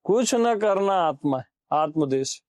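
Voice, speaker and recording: A spiritual teacher with a high-pitched, mellow voice takes his time through a satsang discourse, animated throughout. He questions the gathering, circles back to key lines, and pushes them to respond. It's studio quality, with no audible room.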